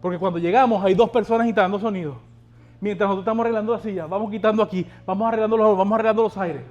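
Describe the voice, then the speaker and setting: A man's voice: high-pitched, fairly even intonation, very fast, darkish tone, lo-fi sound, soft background music. A male pastor preaching a sermon, urging the congregation on and asking them rhetorical questions.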